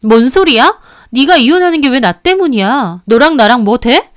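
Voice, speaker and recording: A woman voicing a sharp-tongued young woman who scornfully cuts off her married ex-lover. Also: high voice, expressive, normal speed, clean tone, dry recording, clean studio sound, pitched above the performer's own voice. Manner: contemptuous, cutting, loud. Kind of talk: dramatized story reading.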